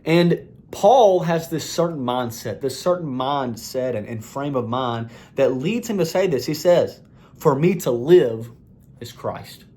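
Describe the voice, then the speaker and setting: A man preaching a sermon in an earnest, exhorting manner, repeating phrases and pushing higher and louder to drive points home. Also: animated, a little slow.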